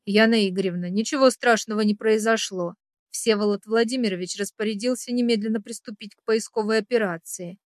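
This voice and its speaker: A woman's voice: mid-range voice, fairly even intonation, a little fast, no echo, clean studio sound, close to an everyday voice. A woman voicing a stern security chief. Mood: stern formal. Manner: strict formal address, reassuring. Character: stern male security chief, calm and official.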